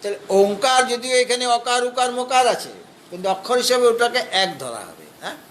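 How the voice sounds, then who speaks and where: High-voiced Bengali man giving a scripture discourse. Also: sing-song, a bit bright, slight background noise. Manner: explains step by step, slow chanted Sanskrit verses, asks rhetorical questions. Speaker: spiritual teacher. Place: hall of a spiritual society.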